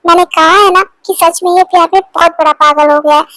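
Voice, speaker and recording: A woman's voice: extremely high pitch, steady tone, fast talker, pushed and bright, no room sound. A woman voicing a friend who chides and teases the lovesick young man, in a fan-dubbed romance. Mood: teasing. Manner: chiding, teasing. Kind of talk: Hindi fan dub of a romance story.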